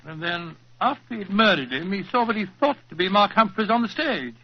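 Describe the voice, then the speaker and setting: A muffled old radio recording features a British doctor and loyal companion. His voice is high and gravelly, with a hearty, slightly bewildered way of talking. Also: expressive, a little fast. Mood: puzzled, reflective. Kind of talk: 1940s radio acting.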